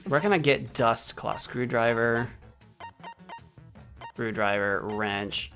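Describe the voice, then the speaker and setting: An American man streams a game with soft music behind him, his mid-range, slightly bright voice moving slowly as he thinks out loud. He rambles, corrects himself, and banters with chat in mock indignation, giving casual commentary on his play.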